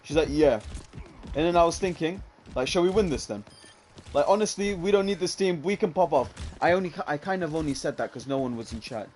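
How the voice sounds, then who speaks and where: Young man, higher voice, rambling casual storyteller, faint hiss behind. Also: expressive, fast talker, a little mellow. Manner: rambling, fillers like "what's it called", says "bro". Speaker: gamer telling a story.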